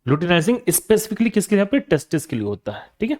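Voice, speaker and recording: Brief: young male teacher, fairly high voice, drills terms through repeated questions. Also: huge pitch swings, fast talker, a little mellow. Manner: repeats questions and answers them himself; calls students "beta". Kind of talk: classroom lecture.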